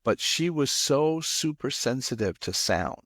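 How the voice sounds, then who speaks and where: A man's voice: mid-range voice, lively intonation, a little slow, a bit bright, no echo, studio quality. A man hosting a podcast, explaining and telling stories in casual conversation. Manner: storytelling, explanatory. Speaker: podcast host.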